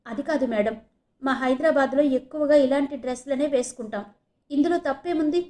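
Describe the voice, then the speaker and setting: A woman's voice: high-pitched, brisk, a little mellow, close to an everyday voice. Indignant young student girl, voiced by a woman. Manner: indignant, complaining. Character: young female student, hurt and defiant.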